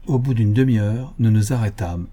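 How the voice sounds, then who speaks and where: Husky mellow male audiobook narrator. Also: on the low side. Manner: measured, expressive first-person storytelling.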